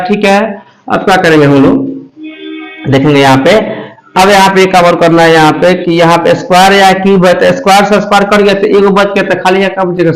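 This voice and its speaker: A man teaches math at a coaching class. He works through each step slowly, repeating himself and stopping often to ask if it is clear. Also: high voice, poor audio. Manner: slow, repetitive explaining with frequent check-ins. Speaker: math tutor. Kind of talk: blackboard math lesson.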